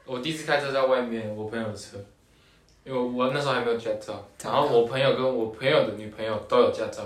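A young man, co-hosting a podcast with quick, joking banter and casual stories. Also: medium pitch, fairly even intonation. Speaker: podcast co-host. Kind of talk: casual chat storytelling. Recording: roomy echo.

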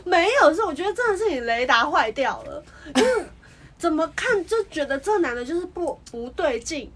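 A woman's voice: high-pitched, sing-song, normal speed, a bit bright, a little hiss or hum. A woman co-hosting a podcast, chatting animatedly and often laughing while telling stories. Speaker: podcast co-host. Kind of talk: casual chat.

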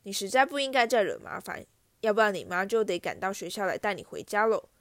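A woman's voice: medium pitch, very animated, fast talker, no echo. Woman doing a sneering spiteful schoolboy. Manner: mocking, drawling, sneering.

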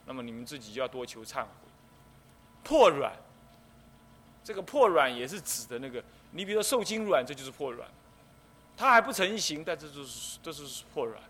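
A man's voice: a little high, fairly quick. A middle-aged man, a Buddhist abbot, lecturing on the precepts. He explains step by step and acts out the things people might say. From Taiwan. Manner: explanatory, lively, acts out quoted speech. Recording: faint background noise.

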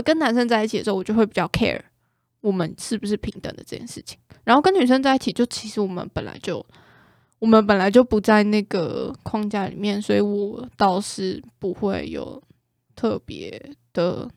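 A woman's voice: medium pitch, no echo, studio quality. A woman with a Taiwanese Mandarin accent chatting casually and bluntly about herself in an informal way. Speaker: guest sharing relationship stories. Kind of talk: casual chat.

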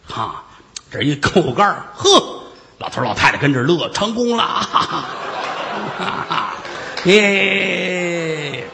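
A man performs a traditional tale, voicing whooshes and crashes as he goes. His voice rides high and leaps across its range. A long hall reverb hangs on every phrase. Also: slow, gravelly, long pauses, a little hiss or hum. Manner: dramatic, animated, with sound effects. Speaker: storyteller.

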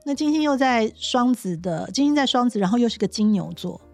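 A woman's voice: a little high, expressive, brisk, darkish tone, soft background music. A woman, hosting a casual chat and explaining astrology eagerly, laughing often. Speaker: podcast host and astrologer.

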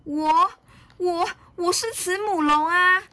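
A woman voicing a young boy dinosaur who is hotheaded and sweet, with high, excited squeals. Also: moderate pace, no room sound. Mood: upset.

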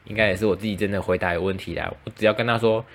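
A man's voice: on the low side, fairly even intonation, rapid-fire. A young man with a Taiwanese Mandarin accent chatting casually on his own podcast, self-mocking and acting out the dialogue in his stories. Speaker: podcast host. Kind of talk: casual solo podcast chat.

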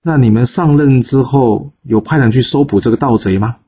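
A man's voice: medium pitch, moderate pace, mellow, slightly rough, dull audio, voice pushed up, natural voice. A man voicing a domineering, sly ancient duke who mocks and accuses, in a storytelling recording. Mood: mocking. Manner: mocking, accusing.

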